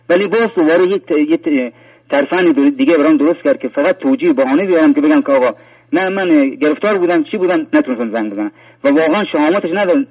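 A man phones in to tell a personal story, earnest and rambling, often restarting his sentences. His voice sits a little high and sounds dull and distant, as if heard through a phone line. There is no room sound around him. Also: darkish tone, breathy edge, no echo. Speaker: caller.

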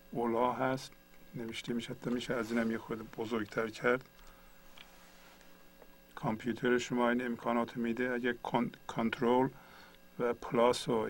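Man, tutorial teacher, patient step-by-step explaining, narrow even pitch. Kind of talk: screen-share tutorial.

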